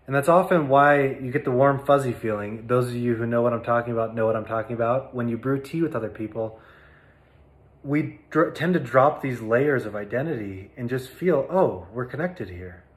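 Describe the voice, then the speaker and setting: A man giving a reflective talk as a tea teacher, speaking slowly and thoughtfully, with pauses and fillers. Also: medium pitch.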